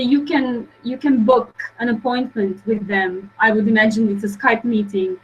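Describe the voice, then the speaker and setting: Young woman, webinar guest, halting delivery, fairly high voice. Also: slight background noise, rough recording. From Croatia. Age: young adult. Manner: hesitant, filler-heavy, many restarts. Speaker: guest speaker. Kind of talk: webinar presentation.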